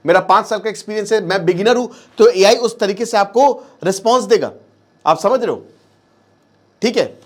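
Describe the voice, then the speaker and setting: A man teaching in a casual, conversational way, mixing English terms into his speech and often checking in with the listener. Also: sits high. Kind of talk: casual explanatory lesson.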